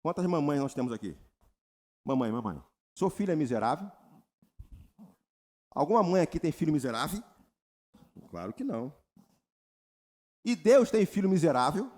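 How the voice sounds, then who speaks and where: Animated Brazilian man preaching. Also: moderate pace, long pauses. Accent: Brazilian Portuguese. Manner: animated preaching, mimics congregants in high voices, asks crowd for response. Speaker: pastor. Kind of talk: sermon. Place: church retreat service.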